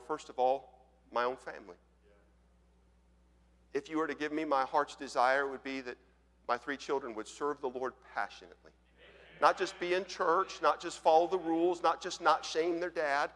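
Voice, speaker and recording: A pastor in his forties from Colorado preaches a conversational sermon in church, telling stories and swinging from loud to hushed. His voice is on the high side, and the sound carries a big-room quality.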